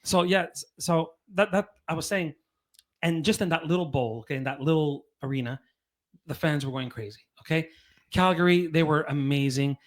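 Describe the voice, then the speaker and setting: A man co-hosting a podcast in casual chat, animated and swearing, repeating himself for emphasis. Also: a little high, normal speed. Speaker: podcast co-host.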